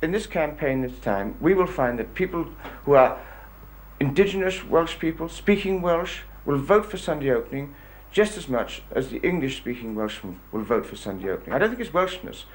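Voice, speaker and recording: A man's voice: fairly high pitch, animated, moderate pace, poor audio. A man making a persuasive case as a campaigner, in emphatic phrases with repeated patterns. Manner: emphatic, repetitive list-like phrasing. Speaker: campaign leader. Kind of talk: persuasive interview statement.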